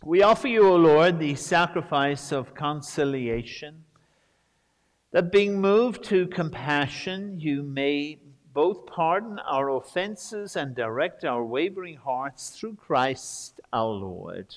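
A priest leading the prayers of Mass, intoning slowly and steadily as a cathedral echo trails after his words. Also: on the high side, expressive. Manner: slow, measured intoning. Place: large church. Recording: long church reverb.

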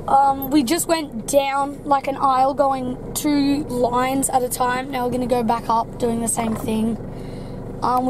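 A woman vlogging from a farm paddock, chatting loosely into a handheld camera with lots of fillers. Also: high voice. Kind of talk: casual vlog narration. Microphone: handheld camera mic. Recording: noisy outdoor camera audio. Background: outdoor ambience, animals, vehicle.

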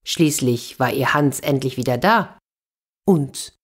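A woman storyteller reads a fairy tale to children in a low, deep voice. Her delivery is calm and unhurried, with little asides to her listeners. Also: breathy edge.

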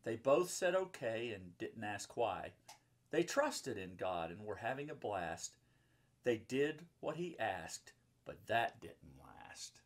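In a book-lined room at home or an office, a fifties-aged pastor who writes children's books reads a story and explains it simply to young listeners through chatty asides. His voice sits on the low side and swings widely in pitch as he takes his time.

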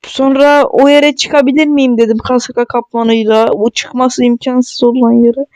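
A man giving casual, excitable gameplay commentary, joking and talking straight to his viewers. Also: extremely high pitch, moderate pace, smooth, dry recording. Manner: chatty and excitable, jokes and talks straight to viewers. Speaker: mobile gaming streamer.

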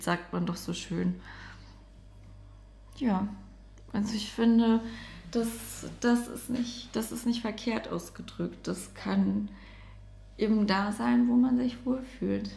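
A woman's voice: medium pitch, takes it slowly, vocal fry, warm tone. A woman from Montenegro being interviewed, thinking aloud hesitantly. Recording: echoey room.

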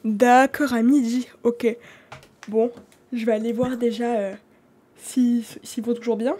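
Woman streamer, French accent, high-ish and theatrical, live role-play. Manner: animated, dramatic, quick swings in loudness.

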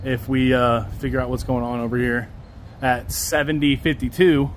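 A man's voice: medium pitch, level tone, moderate pace. A man in his thirties narrating a casual walking tour outdoors, musing aloud as he points things out, recorded on a handheld camera. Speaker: vlogger giving a walking tour. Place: outdoors along a busy city street. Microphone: handheld camera mic with a front selfie view. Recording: outdoor street with faint traffic noise.

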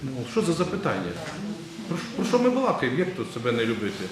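A man's voice: medium pitch, huge pitch swings, fast talker, a crowd in the background. A man, an Orthodox metropolitan, preaching a sermon in a large church and quizzing the congregation in a conversational way. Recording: very echoey church with faint ambient noise.

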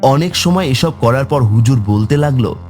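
A man narrates a scripted horror story for a cartoon, his medium-pitched voice a little mellow, with lively intonation at a moderate pace. Faint music sounds behind him.

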